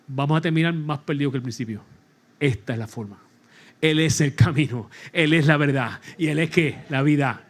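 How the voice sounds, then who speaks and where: A middle-aged man, preaching a lively sermon in a church, laughing often and calling for the congregation to repeat after him. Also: mid-range voice. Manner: animated preaching with laughter and call-and-response. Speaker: pastor. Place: church sanctuary.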